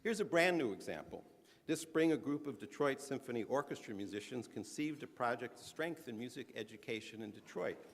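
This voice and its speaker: A man giving a measured, earnest speech at a conference, stressing his points, now and then restarting a phrase. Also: mid-range voice, expressive. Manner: earnest, measured, emphatic delivery with occasional restarts. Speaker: conference speaker. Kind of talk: prepared speech to an audience. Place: conference hall. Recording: large hall with long reverb.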